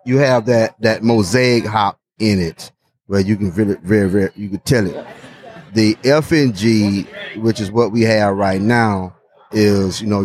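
A man's voice: lowish voice, a little mellow. A man hosting a podcast in casual chat, who often repeats words and restarts phrases. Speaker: podcast host. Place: outdoor brewery event.

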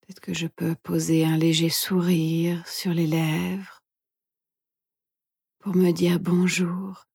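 A woman meditation instructor guides mindfulness practice in a soft, breathy, soothing near-whisper, leaving gentle pauses. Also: on the low side, flat delivery, no room sound, studio quality. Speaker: meditation instructor and podcast host.

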